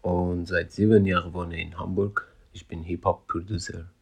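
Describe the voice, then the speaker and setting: A young man from Afghanistan, raised in Iran, telling his own story in halting with short, broken phrases. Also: sits low, little pitch movement, creaky, slightly rough. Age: young adult. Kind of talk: personal testimony.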